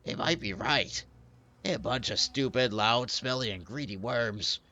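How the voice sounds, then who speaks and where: A man voicing a scornful male goblin companion who talks slowly and with contempt. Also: medium pitch, bright, forceful tone.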